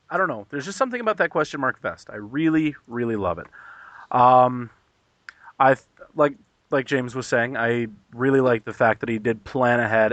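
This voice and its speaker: A man's voice: mid-range voice, a bit bright, dry recording. Guy cohost, lots of ums and restarts, dry close sound. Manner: hesitant, many ums and restarts. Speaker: podcast co-host. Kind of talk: casual fan podcast chat.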